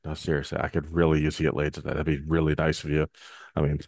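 A man putting on a low, pleading, mock-seductive voice to beg for a date. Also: little pitch movement, fast, a little mellow, no echo, studio quality.

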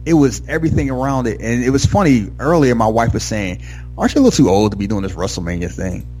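A man, married, telling a story in candid casual chat, animated and swearing freely. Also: mid-range voice, fast, soft background music.

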